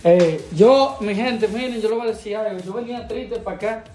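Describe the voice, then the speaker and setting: A man's voice: high-pitched, brisk, a little mellow, soft background music. A man with a Dominican accent hosting a casual vlog, chatty and teasing with the people around him. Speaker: vlogger host.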